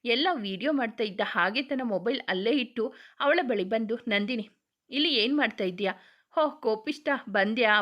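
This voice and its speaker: A woman's voice: on the high side, a bit bright. A woman narrating a romance story, voicing every character herself with emotional, chatty delivery. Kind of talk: dramatic romance story reading.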